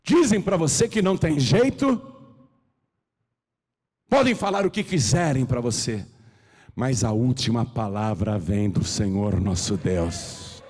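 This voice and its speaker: A man with a Brazilian Portuguese accent preaching a sermon as pastor, his voice swinging from hushed to shouting. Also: mid-range voice, lively intonation, unhurried, pauses often, breathy edge, long reverb tail.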